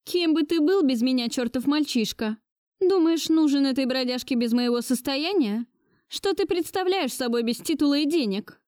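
A woman's voice: animated, normal speed, darkish tone, no room sound, clean studio sound. A woman voicing a domineering, wealthy old grandmother who scolds in an imperious tone. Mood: furious. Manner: shrill, imperious reproach. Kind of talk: audiobook dialogue reading.

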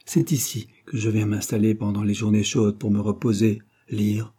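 A man reading aloud, voicing a cheerful and sensible young woman in a raised, lively voice. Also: fairly low pitch, moderate pace, husky. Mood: bright, sensible.

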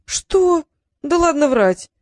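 A woman's voice: mid-range voice, animated, a little fast, darkish tone, dry recording, clean studio sound, natural voice. A woman voicing a young apprentice wizard boy, hesitant and curious. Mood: uncertain.

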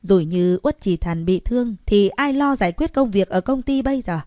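A cheerful young man talks smoothly and coaxes an elder, as a woman reader voices him. The pitch is mid. The recording is dry and close. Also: normal speed, mellow, no room sound, natural voice. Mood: coaxing. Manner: coaxing, pleading.

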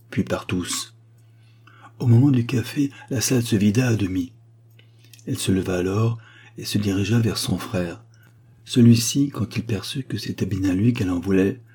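A man reads literary fiction aloud at a measured, expressive pace. His voice is low and dark, with a husky, breathy texture. He sounds like an audiobook narrator carrying a quiet story.

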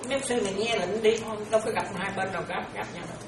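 A Buddhist nun gives an informal dharma talk to her disciples, chatting and often checking that they follow her. Her mid-range voice is rapid-fire, and the roomy, distant recording picks up a noisy crowd in the background.

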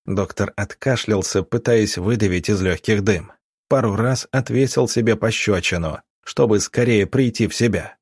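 A man narrating an audiobook in a steady, measured, husky voice, recorded on a close studio mic. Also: lowish voice, no room sound.

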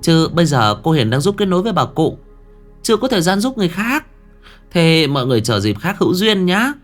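A man voicing a brash, bossy middle-aged village woman who talks loudly and boastfully in an audiobook ghost story. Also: fairly high pitch, very animated, very fast, soft background music, pitched above the performer's own voice. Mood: brisk. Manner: loud, boastful announcing.

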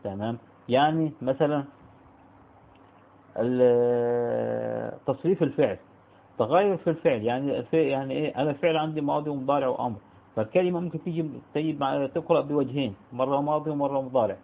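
An Egyptian man teaches a spoken lesson in a quick, gravelly voice. He keeps restarting words and answers his own questions. The sound is thin and narrow, as if it came down a phone line. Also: mid-range voice. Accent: Egyptian Arabic. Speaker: Islamic studies teacher. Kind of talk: spoken lecture.

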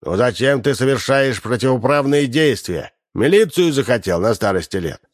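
A man reading an audiobook and voicing a gruff, henpecked middle-aged man. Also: mid-range voice, expressive, normal speed, pitched above the performer's own voice, natural voice. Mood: grumbling. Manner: gruff, grumbling.

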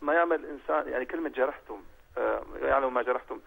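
A man calling in to a program over a phone line, asking questions in a halting way with many fillers and reciting verses. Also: mid-range voice, creaky, a bit bright, slightly rough. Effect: heard over a phone line. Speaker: caller.

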